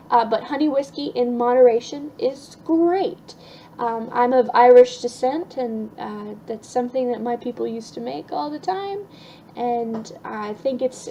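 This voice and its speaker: A woman's voice: high voice, a little hiss or hum, rough recording. A young woman chatting casually through a list of her favorite things, upbeat with lots of ums and restarts. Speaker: vlogger.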